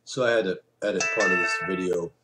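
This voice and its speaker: Low-voiced man rambling into a webcam. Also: steady tone, quick pace, loud music behind the voice. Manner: rambling, chatty, many fillers and restarts. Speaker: vlogger. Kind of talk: casual webcam vlog. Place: small room indoors at home. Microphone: webcam at desk.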